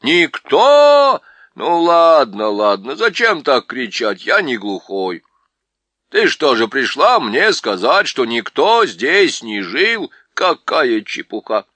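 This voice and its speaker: Cranky deaf old dwarf lord, voiced by a male reader, loud and bright. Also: mid-range voice, sing-song, slow, dry recording, exaggerated voice. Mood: irritated. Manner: loud, cranky, mishears words.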